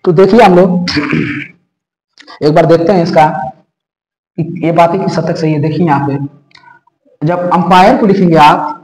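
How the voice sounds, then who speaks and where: Guy teaching grammar in an echoey room, kinda high voice, keeps asking "ok?". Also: fairly even intonation, measured pace, long pauses, darkish tone. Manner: repetitive, checks in with listeners often. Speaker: English teacher. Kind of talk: classroom grammar lesson.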